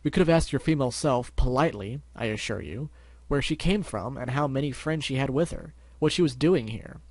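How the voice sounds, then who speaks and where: A man's voice: mid-range voice, expressive, brisk, no echo. Man voicing a weary, bookish stallion. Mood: defensive. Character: weary, earnest, bookish male pony.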